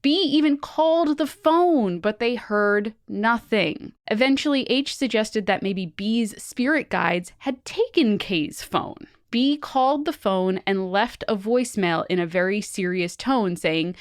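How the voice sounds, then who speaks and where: Animated woman podcast host, dry sound. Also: medium pitch, measured pace, few pauses, dry recording. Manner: animated, swears and laughs. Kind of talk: casual podcast chat, reading listener stories.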